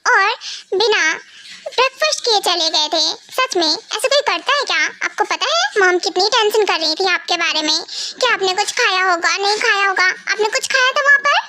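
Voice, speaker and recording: A woman's voice: extremely high pitch, expressive, moderate pace, pushed and bright, exaggerated voice. A woman playing a playful, teasing young wife.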